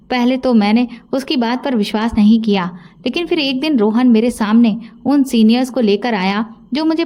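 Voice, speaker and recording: A woman reading a scripted first-person story aloud as its narrator, with a steady, even storytelling delivery. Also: fairly high pitch.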